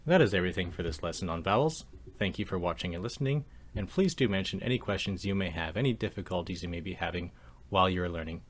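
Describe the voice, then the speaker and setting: A man teaching a language lesson over slides, explaining calmly and slowing down to demonstrate sounds. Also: sits low, a little hiss or hum. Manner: calm, measured explanation with slow demonstrations of sounds.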